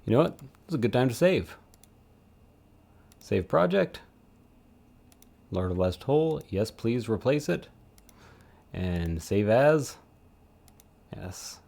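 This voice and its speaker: A man's voice: medium pitch, sing-song, takes it slowly, vocal fry, pauses often, a little mellow. A man chatting casually on a live stream while he works, rambling with self-mocking asides. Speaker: streamer supporting 3D print models.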